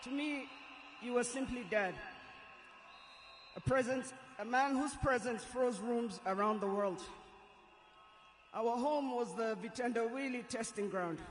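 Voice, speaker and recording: A woman with a Kenyan accent delivering a solemn, emotional eulogy as a tearful goodbye, measured and deliberate with long pauses. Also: on the high side. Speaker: eulogist, daughter of the deceased. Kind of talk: solemn funeral eulogy speech. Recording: echoey public address, faint noise.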